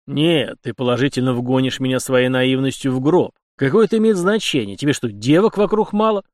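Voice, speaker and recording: A man's voice: mid-range voice, fairly quick, no echo, studio quality, lightly acted. A man reading a stern commanding captain. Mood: scolding. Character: stern commanding middle-aged male captain.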